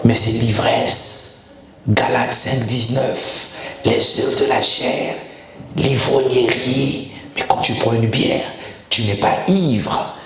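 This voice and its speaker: A man voicing Satan as a smooth male tempter who speaks softly and reassuringly, half in a whisper. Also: mid-range voice, heavy reverb, slight background noise, voice pushed down, rough recording. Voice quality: soft, hushed, partly whispered. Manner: soothing and reassuring.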